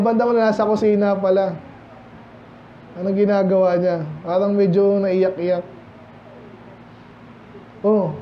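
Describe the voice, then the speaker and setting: High-voiced Filipino preacher joking with the flock. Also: male voice, muffled recording, slight background noise. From Philippines. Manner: conversational, joking with the congregation. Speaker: pastor. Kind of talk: midweek Bible study sermon. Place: church.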